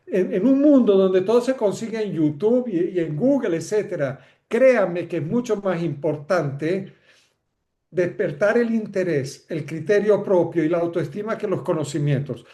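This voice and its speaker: A man's voice: high-pitched, warm tone. A man giving an online lecture on education, talking conversationally with rhetorical questions and frequent checks for agreement. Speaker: webinar speaker on educational leadership.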